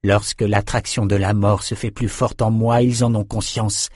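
A man voicing a grim, wounded male lord leading a battle, speaking in steady, reasoned commands in an audiobook. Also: lowish voice, moderate pace, dry recording, studio quality, close to an everyday voice. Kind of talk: audiobook character reading.

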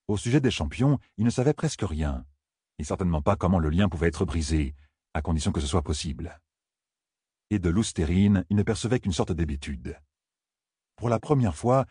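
A man narrating a fantasy novel as an audiobook, in a measured, even storytelling manner. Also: sits low, husky, no room sound, clean studio sound.

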